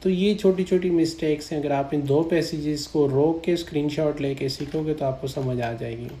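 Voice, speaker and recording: A man teaching English grammar, explaining in Hindi-Urdu and reading English example sentences out slowly, often checking in with "right?". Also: fairly high pitch, warm tone. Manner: repeats "right?" and "theek hai" to check in. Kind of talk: grammar lesson explaining slides. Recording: echoey room.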